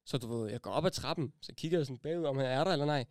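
A young man hosting a casual podcast chat, telling stories in animated, slangy talk and laughing as he goes. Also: mid-range voice, no room sound, clean studio sound. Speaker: podcast host.

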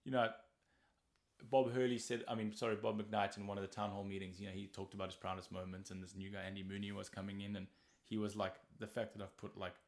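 Gravelly low-voiced man, casual podcast talk. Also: flat delivery, fast. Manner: frank, swearing, rambling. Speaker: podcast co-host.

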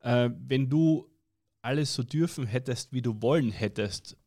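A man's voice: mid-range voice, unhurried, mellow, dry recording, clean studio sound. Host, man, rambling self-mocking questions. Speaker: podcast host. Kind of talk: casual interview chat.

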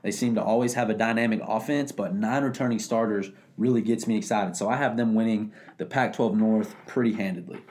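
A man's voice: on the low side, fairly even intonation, brisk, few pauses, darkish tone. A man co-hosting a casual sports talk show, an enthusiastic fan making confident predictions, often repeating words. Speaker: sports podcast co-host.

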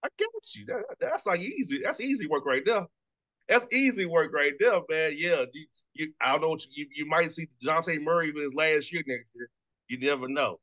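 A man in his thirties, a sports radio host, talking fast and casually, repeating words and laughing often. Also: a little high, expressive, bright, forceful tone. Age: 30s. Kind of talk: casual sports talk interview.

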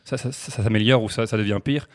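A man, a podcast guest, telling stories in casual chat, animated and jokey, often restarting his sentences. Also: fairly low pitch. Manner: fast, animated, jokey storytelling with repeated restarts.

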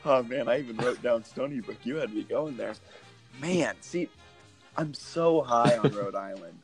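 A man's voice: medium pitch, moderate pace. Man, sports podcast co-host, casual chat, laughs a lot, faint music behind. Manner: chatty, laughs often, goes off on tangents. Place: lives in Hoboken, New Jersey.

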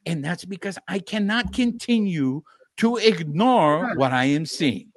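A man hosting a sports podcast, delivering a sarcastic, animated rant in casual talk. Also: high-pitched, measured pace, no echo. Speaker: podcast host.

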